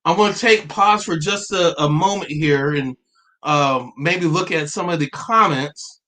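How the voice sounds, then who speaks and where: A man in his forties hosts a livestream in a somewhat high voice, speaking earnestly. He halts and restarts often, and now and then laughs at himself as he reads out viewer comments. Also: unhurried, sharp tone. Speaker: livestream host. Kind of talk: live-streamed talk reading viewer comments.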